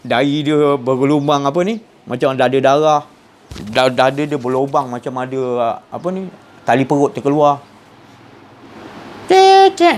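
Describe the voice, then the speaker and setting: A man giving an informal religious talk, telling stories with lively sound effects. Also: mid-range voice, slight background noise. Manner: animated storytelling with sound effects. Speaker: religious teacher.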